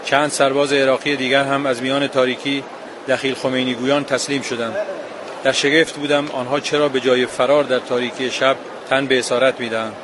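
A man reading aloud from a memoir for a radio audience in a plain, even way. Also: medium pitch, background noise. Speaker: listener reading a book aloud.

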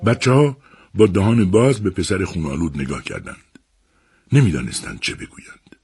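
On a radio book program, a man with a low-pitched voice narrates a serialized novel adaptation, telling the story in a measured, expressive way.

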